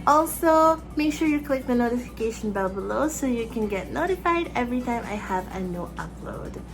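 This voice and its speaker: Music plays behind a young woman whose fairly high voice has lively intonation and a moderate pace. She has a Filipino accent and is a makeup vlogger, chatting bubbly through a casual tutorial as she does her makeup in a small fairy-lit bedroom.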